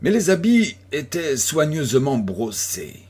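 A man reading a classic novel aloud as an audiobook narrator, slow and deliberate. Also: fairly high pitch, sing-song, darkish tone, slightly rough. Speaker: audiobook reader. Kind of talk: scripted narration of a 19th-century detective novel.

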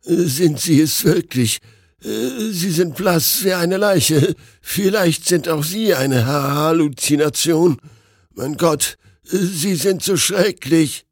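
A man's voice: mid-range voice, unhurried, breathy edge, dry recording, clean studio sound, voice pushed up. A man voicing a terrified young male doctor who gasps and pleads in panic. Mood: panicked.

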